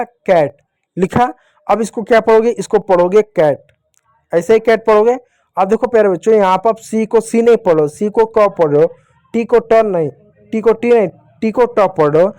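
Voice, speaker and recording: A man's voice: sits high, dark tone, no echo. A man with a Hindi accent teaching young children a phonics lesson, patient and repetitive, asking questions and answering them himself. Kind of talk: classroom lesson.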